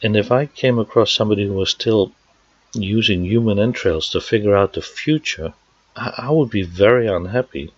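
A man from the Netherlands with a Dutch accent delivers a teaching sermon in a low, slightly husky voice. He works through scripture passage by passage, pausing with fillers along the way. The recording is dry, dull and lo-fi, with no room sound.

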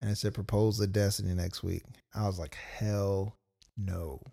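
This is a young podcast co-host casually recounting something from his own life, relaxed and peppered with "like" and quoted asides. He talks fast in a fairly low, gravelly, mellow voice, keeping his delivery flat.

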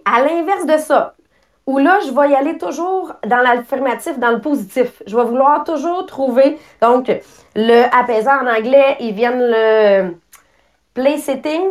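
A woman with a slightly high voice, talking through her points on a podcast. She explains at length, pauses on fillers, and makes light of herself. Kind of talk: casual podcast chat.

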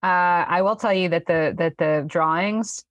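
A woman's voice: on the low side, unhurried, no echo. A woman narrating as game master in a tabletop game, hesitant and full of ums.

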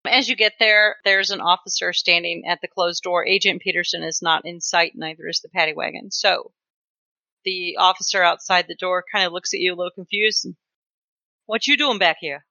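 A woman running a tabletop horror game as game master, animated and quick to laugh. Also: on the low side, vocal fry, no room sound, dull audio.

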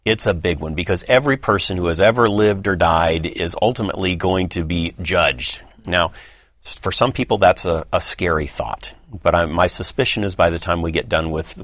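A very deep-voiced man hosts a Bible study program, speaking in a friendly, conversational way. He sounds close to the microphone, in a dry, dead room. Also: normal speed, fairly bright tone, no room sound. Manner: friendly, conversational, leads prayer. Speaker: host.

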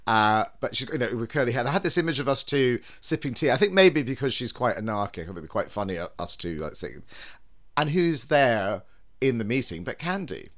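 A man's voice: medium pitch, very animated, brisk, a bit bright. A man hosting a podcast as a drag performer, with a camp, theatrical way of talking. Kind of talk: theatrical show introduction and casual chat.

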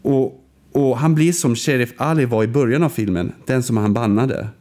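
A man in casual conversation, telling a film story with restarts and fillers. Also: dark tone. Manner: storytelling, acts out quoted lines with big pitch swings; hesitant, frequent restarts and fillers.

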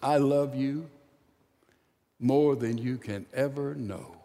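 A man's voice: medium pitch, slow pace, creaky, voice pushed down. A man voicing a tender husband who whispers words of love to the wife he has bought back. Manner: soft, whispered. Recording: long hall reverb.

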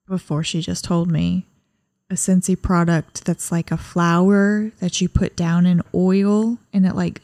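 A woman's voice: fairly low pitch, dark tone, dry recording, clean studio sound. A woman co-hosting a podcast, chatting casually and teasing with frequent laughter. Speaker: podcast co-host. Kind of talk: casual chat.

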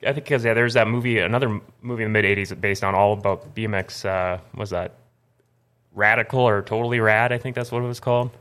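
A man's voice: lowish voice, steady tone, fast, fairly bright tone, smooth. A man co-hosting a casual movie chat in a studio, easygoing and saying yeah a lot. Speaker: podcast co-host.

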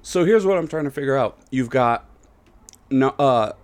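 A man's voice: medium pitch, expressive, normal speed. A man co-hosting a casual wrestling podcast, rambling and asking questions, with the hiccups. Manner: rambling, asks questions, trails off. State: has the hiccups. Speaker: podcast co-host.

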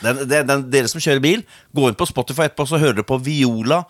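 A Norwegian man with an eastern inland accent, talking at a mid pitch and telling lively stories in a casual radio chat. He slips Swedish words into his Norwegian. The sound is dry and close, with no room echo. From Norway.

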